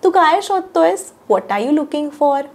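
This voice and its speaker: Marathi-accented woman teacher, high voice, says every english line slow and careful twice. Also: very animated. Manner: repeats each English sentence slowly and carefully. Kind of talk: language lesson, reading sentences slowly.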